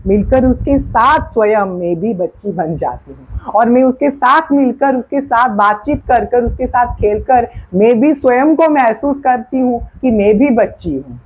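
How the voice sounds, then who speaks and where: A woman teacher slowly explaining poetry lines to students, repeating words and their meanings. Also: on the high side, husky. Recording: dull lo-fi classroom recording.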